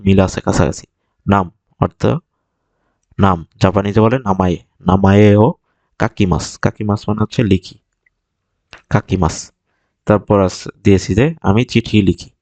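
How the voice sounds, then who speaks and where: A man with a fairly low voice teaches vocabulary, saying each word and its meaning again and again to help learners remember. His first language is Bengali, and the recording is dry and close, with no room sound. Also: steady tone, a little mellow, no room sound. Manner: patient, repeats each word slowly. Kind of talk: vocabulary lesson, explaining words.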